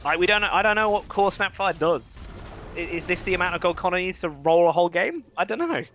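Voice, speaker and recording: A man casting a live esports match, chatty and wry with quick reactions. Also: high-pitched, expressive, a bit bright, a little hiss or hum. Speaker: esports caster. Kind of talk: live game commentary.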